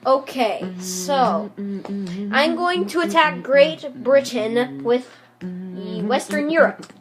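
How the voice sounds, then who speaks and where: Playful high-voiced woman at a board game. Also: expressive, slow, over music. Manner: playful, theatrical exclamations. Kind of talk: casual game chat.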